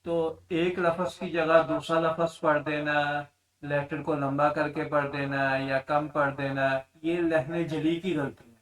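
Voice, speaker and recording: Male Quran tajweed teacher, slightly high voice, explains then chants slowly, mic set back. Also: little pitch movement, a bit bright, recorded from a distance, poor audio. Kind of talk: tajweed lesson with demonstrations.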